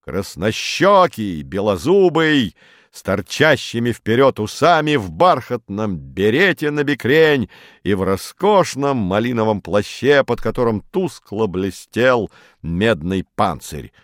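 A man narrating a novel as an audiobook, slow and measured, with a lively, expressive rise and fall in his voice. The sound is dry and close to the mic, with no room around it. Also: fairly low pitch, no echo.

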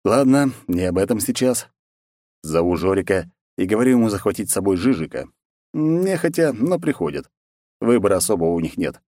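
A man narrating a first-person audiobook in a wry, sarcastic storytelling manner with lively character quotes. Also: on the low side, fairly quick, dry recording, studio quality.

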